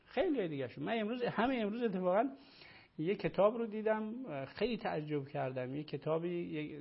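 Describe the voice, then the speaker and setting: A man, a religious scholar, answers a caller in a live discussion, his voice set a little high. He lectures emphatically and repeats his points. The audio is muffled and lo-fi. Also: gravelly, breathy edge.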